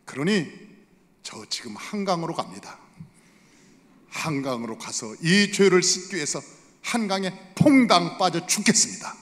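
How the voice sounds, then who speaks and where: Brief: pastor voicing a guilt-stricken young son in a sermon story, low and hushed, pleading, with long hall reverb. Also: male voice, lively intonation, normal speed. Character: remorseful only son kneeling before his father.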